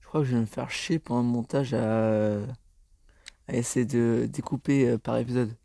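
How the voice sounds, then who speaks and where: A man's voice: mid-range voice, steady tone, normal speed, vocal fry, dark tone, no room sound, studio quality. A tired young man commentating his gameplay casually, rambling, stammering and swearing as he plays. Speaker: gaming YouTuber.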